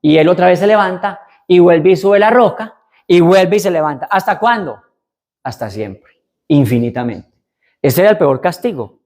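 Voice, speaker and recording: A man's voice: high voice, lively intonation, moderate pace, darkish tone. A middle-aged man, retelling an old myth in a loose lecture with asides and restarts. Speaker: speaker on mental health and leadership. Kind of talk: storytelling lecture.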